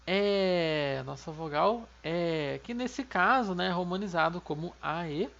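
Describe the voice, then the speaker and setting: A Brazilian woman teaches an online language lesson with a patient, explanatory manner. She checks in with her students often. Her voice sits mid-range, and the audio sounds a little dull and lo-fi. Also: medium pitch. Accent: Brazilian Portuguese.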